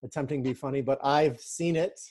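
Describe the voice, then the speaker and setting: A man's voice: mid-range voice, fairly even intonation, fairly quick, a little mellow. A man hosting a casual interview, chatty and joking, with lots of fillers. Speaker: podcast host.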